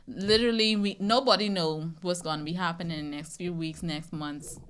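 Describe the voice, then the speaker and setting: Speaking briskly in a steady, lowish voice, this woman from The Bahamas, in her twenties, is a podcast guest recounting her own experience in relaxed conversation.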